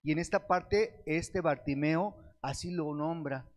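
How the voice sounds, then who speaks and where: A man preaching a sermon, reading scripture slowly and asking the congregation questions that he answers himself. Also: fairly high pitch. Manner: reads scripture aloud with slow stretched words; addresses the congregation as beloved brethren.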